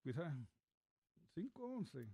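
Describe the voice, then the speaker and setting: Animated preaching man, high dry voice. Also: slow pace, creaky, breathy edge, no room sound. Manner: animated, repeats questions, looks up verses aloud. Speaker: reverend and radio preacher. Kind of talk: conversational radio sermon.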